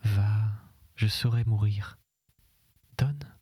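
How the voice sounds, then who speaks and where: A man reading an audiobook voices a young woman of twenty, hushed and breathy, urgent and resolute. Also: fairly low pitch, extremely slow, no echo, heavily acted. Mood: firm.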